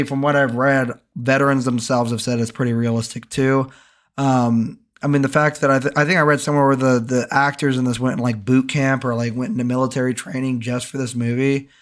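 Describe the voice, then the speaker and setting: A hoarse young man recovering from an illness, casually ranking the year's movies in a rambling, enthusiastic vlog full of ums. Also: medium pitch, fairly bright tone. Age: young adult. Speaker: movie reviewer.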